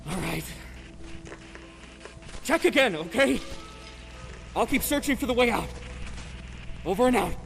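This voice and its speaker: A man's voice: very high voice, expressive, unhurried, gravelly, long pauses, over music, heavily acted, poor audio. An actor playing a wounded male sheriff, speaking in urgent, clipped radio talk in video game dialogue. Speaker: sheriff character.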